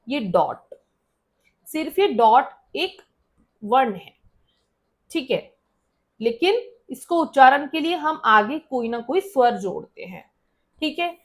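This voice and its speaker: A woman's voice: sits high, very animated, takes it slowly, pauses often. A woman teacher explaining a school lesson, often asking students a question and then answering it herself.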